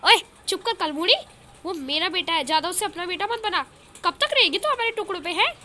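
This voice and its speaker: A woman voicing a harsh mother who loudly scolds her son and her sister. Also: very high voice, lively intonation, moderate pace, slight background noise, voice pushed up, full character voice. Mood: angry scolding. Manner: loud, shouting insults.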